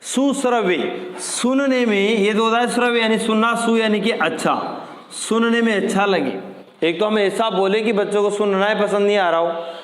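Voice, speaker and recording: High-voiced man teaching in an echoey room. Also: fairly even intonation, normal speed. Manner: explains step by step, repeats key terms as questions. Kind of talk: exam-prep lecture.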